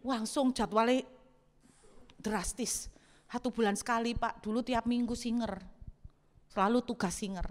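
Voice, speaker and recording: A woman pastor, preaching a sermon as an animated story with acted-out dialogue. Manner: animated storytelling, acts out dialogue, laughs, bursts into high exclamations. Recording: long hall reverb.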